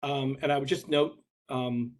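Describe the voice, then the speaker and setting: A man's voice: mid-range voice, fairly even intonation, measured pace. A man speaking for a utility on a video call, polite, formal and carefully worded. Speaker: utility representative. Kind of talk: formal workshop remarks.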